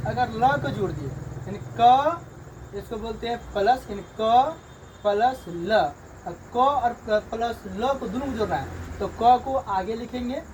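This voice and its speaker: A man, a teacher slowly drilling beginners through letters and sounds in a reading lesson, repeating each one. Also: very high voice. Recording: distant mic, loud crickets and traffic.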